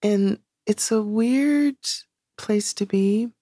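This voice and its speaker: Drawing out her words in a medium-pitched, dark voice, a woman in her sixties who sings talks reflectively as an interview guest. She hunts for words with frequent "you know"s, and the sound is clean studio audio with no echo.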